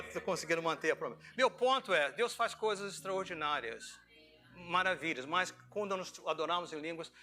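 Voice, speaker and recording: Here a middle-aged Brazilian man, a pastor, gives an informal sermon built on personal anecdotes. His voice is on the high side with a sharp tone. He narrates conversationally, plays out dialogue between characters, and throws in rhetorical questions.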